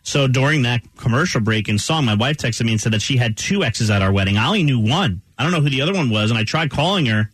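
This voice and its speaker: Male radio host, rapid conversational delivery, rough-edged voice, dry sound. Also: medium pitch, lively intonation, fairly bright tone, no room sound, rough recording. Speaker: radio morning show host. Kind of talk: casual chat.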